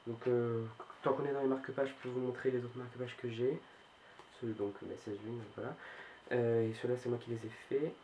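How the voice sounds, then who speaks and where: A man's voice: medium pitch, steady tone, fairly quick, warm tone, slight background noise, poor audio. A man casually showing his book collection on his video channel, talking hesitantly with many fillers and restarts. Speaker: book vlogger.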